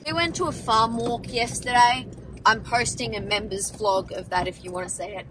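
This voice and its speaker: Holding her phone at arm's length, a twenty-something Australian woman vlogs about farm life from her car, her tractor, and the paddocks, wry, blunt, and swearing plenty. Her voice is on the high side with fairly even intonation and a moderate pace, and the background is noisy.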